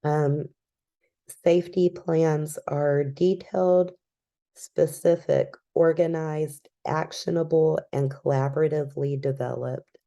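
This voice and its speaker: A woman giving a recorded educational presentation in a calm, measured way, with frequent "um" fillers. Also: sits low, creaky.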